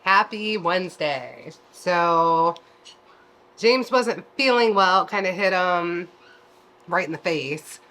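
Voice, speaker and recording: Laid-back low-voiced woman chatting at home. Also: lively intonation, slow pace, sharp tone. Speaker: keto vlog co-host. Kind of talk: casual chat. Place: home kitchen.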